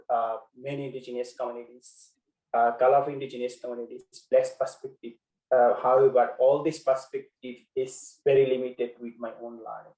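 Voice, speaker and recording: Presenting as a webinar guest, this Bengali-speaking man from Bangladesh talks in a measured manner, pausing often and using fillers. His mid-range voice has a dark tone, heard in an echoey room on a rough recording.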